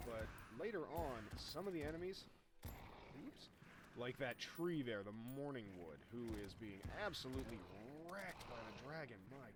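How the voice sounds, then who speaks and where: A young man talks through his gameplay in a loose, rambling way, tossing in jokes and trailing off mid-thought. His voice sits at an ordinary pitch for a man. A steady hiss runs under the whole recording. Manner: rambling, jokey, excitable at big hits. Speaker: gaming YouTuber. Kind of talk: casual gameplay commentary.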